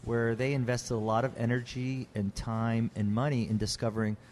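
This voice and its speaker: A man's voice: mid-range voice, flat delivery, normal speed, a little mellow, slight background noise. A middle-aged man, a winemaker explaining his trade in an earnest, casual way with frequent restarts. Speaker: Texas winemaker guest. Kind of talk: casual interview talk.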